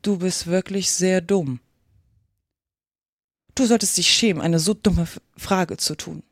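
A reader voicing a bossy, impatient griffin who talks loudly and bluntly in a storybook reading. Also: medium pitch, unhurried, no echo, studio quality. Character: gruff bossy griffin from a fairy tale. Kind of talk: reading a children's classic aloud.

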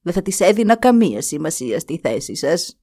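A woman voicing a spiteful, scornful old stepmother in a storybook tale, sneering at her stepdaughter and shrill when outraged. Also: big pitch swings, dark tone.

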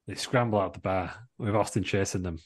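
A man's voice: deep voice, steady tone, fairly quick. A man narrating a comic amateur play from a script, reading out stage directions as co-host.

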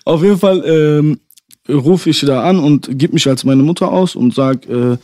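A man's voice: a little high, moderate pace, dark tone, no room sound, studio quality. A young man in a casual chat, animatedly telling a school story to his friends and often calling them "Bruder".

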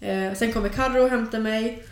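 A young adult woman telling a personal story in casual chat, animated and full of fillers. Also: a little high, background noise. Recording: roomy echo.

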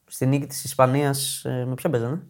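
A man's voice: medium pitch, little pitch movement, darkish tone. A man co-hosting a casual football podcast, introducing players one by one in a chatty way. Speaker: podcast co-host.

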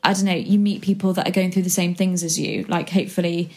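A woman's voice: on the low side, level tone, quick pace. A woman in her twenties from West Yorkshire, chatting casually as a guest, rambling with lots of ums and likes. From West Yorkshire, England. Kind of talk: casual chat.

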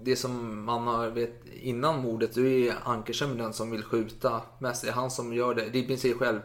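Casual male storyteller, animated, mid-range voice, conversational history chat. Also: mid-range voice. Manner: animated retelling with acted quotes and laughs. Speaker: podcast co-host storyteller.

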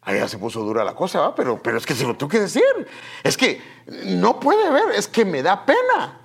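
A man preaching a sermon, talking straight to his congregation, with hushed asides that break into loud, emphatic bursts. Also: on the high side, wildly swooping pitch, fairly quick, gravelly, breathy edge. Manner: addresses the congregation directly, repeating "fíjese" and "hermano". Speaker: pastor.

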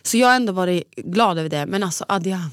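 A tired young woman from Sweden, co-hosting a podcast in casual, expressive chat. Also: lowish voice, dry recording, studio quality. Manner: chatty, expressive, venting. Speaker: podcast co-host.

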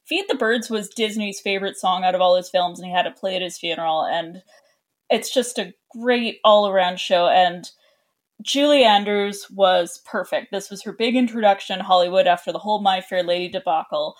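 A woman's voice: medium pitch, moderate pace. A woman co-hosting a podcast, giving eager, upbeat opinions about a film. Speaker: podcast co-host. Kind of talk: casual film discussion.

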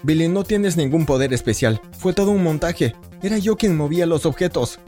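A man playing Mark, an excitable best friend. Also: fairly high pitch, a little fast, soft background music, voice pushed up, lightly acted. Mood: urgent. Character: young male best friend, loyal and excitable.

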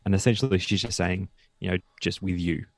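A low-pitched man with a gravelly edge chats and laughs easily while recapping a dating show. The sound is dry and close, with no room echo. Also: fairly even intonation, brisk. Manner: chatty, laughs often. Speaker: podcast co-host. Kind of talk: casual chat recapping a reality show.

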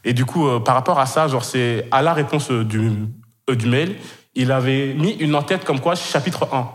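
A man in his twenties, born in Senegal and raised in Kenya, tells a personal story as a podcast guest. His medium-pitched voice moves at a moderate pace, and he speaks hesitantly, full of fillers and repeated words, laughing often.

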